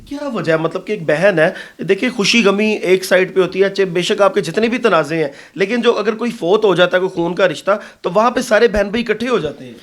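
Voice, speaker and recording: Probing male interviewer with a high voice. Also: hardly any pauses. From Pakistan. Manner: sympathetic, probing questions.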